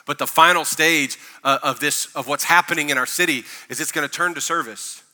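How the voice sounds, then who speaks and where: A male pastor preaching a sermon in a booming motivational manner, emphatic and repeating phrases as he calls on listeners to respond. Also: fairly quick, pushed and bright.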